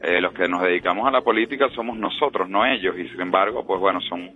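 A man born in Venezuela, a politician speaking as a radio interview guest in a measured, earnest way, heard over a phone line. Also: low voice, faint music behind.

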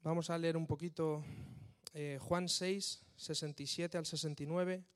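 A man's voice: a little high, steady tone, moderate pace, clear, resonant tone. A man preaching a casual sermon, reading scripture and often checking in with his listeners.

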